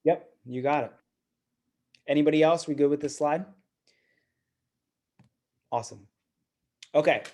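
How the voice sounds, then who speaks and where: A man's voice: on the high side, measured pace, long pauses, darkish tone. A man giving a casual, conversational seminar talk to an audience of investors, often repeating words. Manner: conversational, repeats words, fillers like "you know". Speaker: guest speaker at investor meeting.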